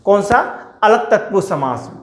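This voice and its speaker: A male teacher giving a grammar lesson, drawing out example words slowly and asking questions that he answers himself. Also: high voice, big pitch swings, darkish tone. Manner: slow, drawn-out repetition of example words; asks and answers his own questions. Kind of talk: classroom grammar lecture. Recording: echoey room.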